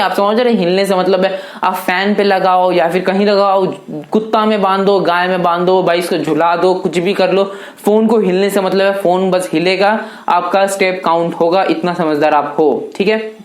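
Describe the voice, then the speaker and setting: A man's voice: sits high, moderate pace. An eighteen-year-old man answering viewer questions in a casual, chatty vlog, loosely talking to viewers as brothers. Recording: echoey room.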